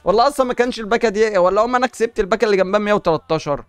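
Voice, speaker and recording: Opening packs in a video game, this Egyptian-accented male YouTuber calls out excitedly and answers the game back. He speaks high and very fast, with a clean tone and no echo.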